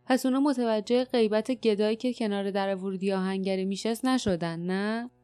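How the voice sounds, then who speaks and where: Woman reading a grim, weary male warrior, gruff and low-key, mid-pitched, faint music under it. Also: mellow, no room sound, close to an everyday voice. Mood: grave.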